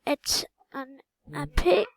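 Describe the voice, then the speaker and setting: A woman giving casual gameplay commentary as host of a gaming channel, halting and repeating words as she goes. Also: no room sound, poor audio.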